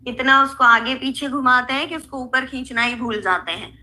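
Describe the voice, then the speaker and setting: A woman with a North Indian accent leads a yoga lesson in a strikingly bright, sharp-edged voice pitched on the high side. A native Hindi speaker, she talks as an instructor, stretching out cues and counts between explanations. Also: rapid-fire. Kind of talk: instructional yoga class, guiding movements and breathing.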